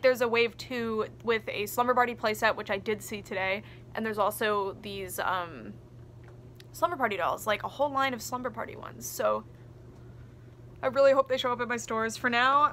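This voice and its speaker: A toy-collector vlogger in her twenties unboxes toys in a small room lined with doll shelves, her voice on the high side and her chat excitable and packed with "um" and "like." A desk camera captures her at close range, with faint hiss or hum, loud crinkling plastic packaging, and clicks.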